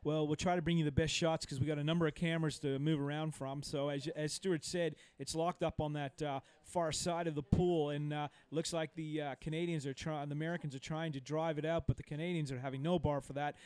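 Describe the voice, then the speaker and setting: A man's voice: fairly high pitch, level tone, a little fast, hardly any pauses, a little mellow, clean tone. A man co-commentating a live match, rambling with lots of filler and friendly banter. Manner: rambling, many fillers, cheerful banter with co-host.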